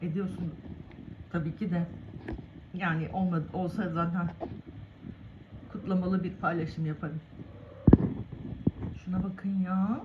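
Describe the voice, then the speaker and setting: A woman vlogging casually from a village house, calling and cooing to her cats in a high, excited voice and laughing often. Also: measured pace, long pauses, narrow, tinny audio, noisy background.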